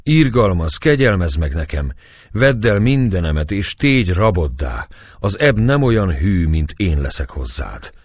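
A man voicing a captive Turkish male warrior, cunning and pleading, with a husky voice. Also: deep voice, big pitch swings, no room sound, studio quality, heavily acted. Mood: begging. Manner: pleading, wily.

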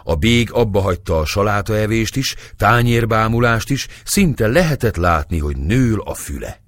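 A man's voice: lowish voice, lively intonation. A man narrating a novel as an audiobook reader, telling the story expressively.

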